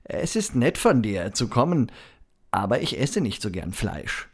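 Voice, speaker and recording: A reader doing a gentle old turtle. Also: mid-range voice, sing-song, unhurried, breathy edge, exaggerated voice. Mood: polite. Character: gentle old female turtle, modest and kind. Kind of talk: children's storybook reading.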